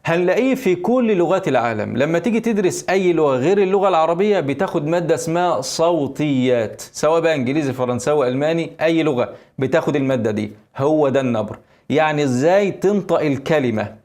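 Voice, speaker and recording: Egyptian-accented man, quick, slightly high voice, casual explainer. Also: animated, darkish tone. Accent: Egyptian Arabic. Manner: plain conversational explaining.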